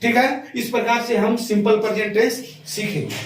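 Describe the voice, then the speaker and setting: A man teaches an English grammar lesson in a very high voice, repeating key terms and walking learners through each step. He sounds set back from the microphone. The room around him is echoey. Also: steady tone, fairly quick, a little hiss or hum. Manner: explains step by step, repeating key words and asking learners to follow. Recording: echoey room, voice from far off the mic.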